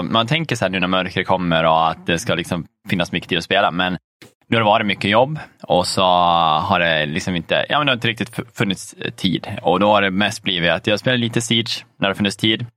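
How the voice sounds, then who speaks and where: Male podcast co-host, low pitch, bright tone, rambling casual gamer chat, dry sound. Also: dry recording. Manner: rambling, many fillers and casual swearing. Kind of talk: casual chat about video games.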